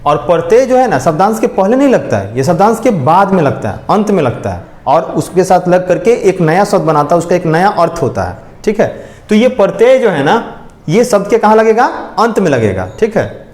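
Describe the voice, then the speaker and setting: A man's voice: sits high, very animated, brisk, darkish tone, echoey room. A male teacher giving a lesson, often repeating points and asking questions to check understanding. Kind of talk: classroom lecture.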